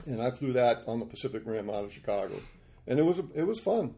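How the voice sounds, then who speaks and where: Gravelly older man telling stories. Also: mid-range voice, quick pace, a little hiss or hum. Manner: rambling, animated storyteller. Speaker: guest. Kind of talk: storytelling interview.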